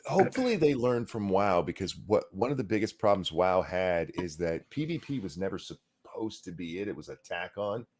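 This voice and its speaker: A man co-hosting a live stream, in relaxed, matter-of-fact casual chat. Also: low voice, normal speed, few pauses.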